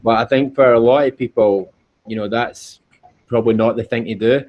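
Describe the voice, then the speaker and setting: With fairly even intonation and a moderate pace, a mid-range-voiced Scottish endurance cyclist chats informally as an interview guest. He is earnest, often says things twice, and comes through on dull, lo-fi call audio.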